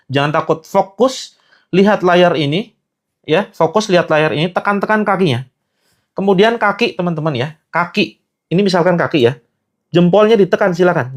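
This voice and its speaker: A man leading a live healing session, urging viewers to repeat prayers and commanding spirits to leave. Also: fairly high pitch.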